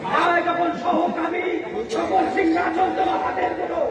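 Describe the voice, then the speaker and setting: A scheming, pious court priest declaims and chants in stage melodrama. The pitch is very high, and the sound is distant and drenched in echo, with a loud crowd. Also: male voice, level tone, normal speed. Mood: sly, pious. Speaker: actor in a folk theatre play. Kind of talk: Bengali jatra stage melodrama. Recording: very echoey distant stage recording, music, crowd.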